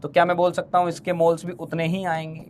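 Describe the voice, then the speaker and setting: A man's voice: on the high side, monotone, quick pace, slight background noise. A man teaching chemistry in a live exam-prep lecture. He keeps repeating his questions to the class and teases his students with playful names.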